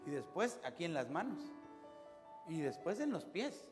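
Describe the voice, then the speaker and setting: A male pastor preaching a conversational sermon, telling stories with lively rises and drops. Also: on the high side, unhurried. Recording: long reverb with music behind. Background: music.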